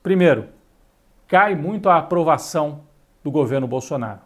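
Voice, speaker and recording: A man's voice: fairly high pitch, expressive, moderate pace. A Brazilian man with a Brazilian Portuguese accent giving opinionated political news commentary, with sardonic asides.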